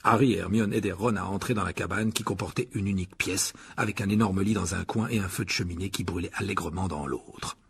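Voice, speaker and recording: A man's voice: sits low, fast, vocal fry, few pauses, slightly rough. A man narrating a storybook expressively as an audiobook reader. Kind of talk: scripted narration.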